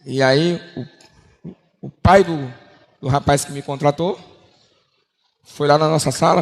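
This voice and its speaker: A man from Brazil giving a sermon testimony, telling his story and acting out the dialogue with shifting pitch. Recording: long hall reverb.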